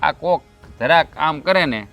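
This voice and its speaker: An actor playing a short-tempered, defensive elder brother and farmer, speaking with a Kathiawadi Gujarati accent. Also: male voice, fairly high pitch, creaky, a bit bright, no echo, faint music behind. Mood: justifying. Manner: defensive and quick to snap. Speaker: elder brother in a land feud. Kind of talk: rural family drama acting.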